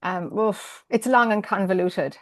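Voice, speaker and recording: An Irish spiritual teacher in her fifties, speaking in an unhurried, medium-pitched voice, is a guest on a video call interview. She talks candidly and rambles a little, laughing often as the conversation goes on.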